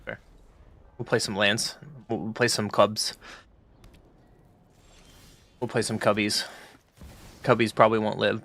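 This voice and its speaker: A man's voice: lowish voice, level tone, measured pace, gravelly, pauses often, fairly bright tone. A young man hosting a gaming stream, chatting casually with profane, joking banter.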